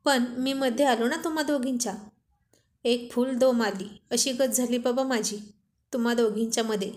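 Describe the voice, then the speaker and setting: A woman's voice: a little high, fairly even intonation, moderate pace, darkish tone, natural voice. A woman voicing a playful young husband who teases his wife affectionately, in a storybook reading. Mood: teasing. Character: loving, teasing young husband.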